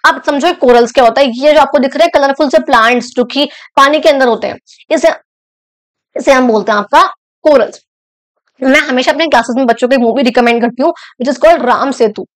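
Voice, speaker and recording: A woman's voice: high voice, fairly quick. A young woman teacher explaining a school geography lesson in a chatty way, often stopping to check that the students follow. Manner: chatty, repeats and checks understanding.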